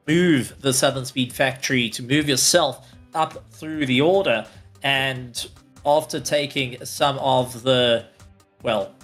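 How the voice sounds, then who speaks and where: A man interviewing drivers on a sim racing broadcast, asking questions in an upbeat, lively manner. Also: mid-range voice.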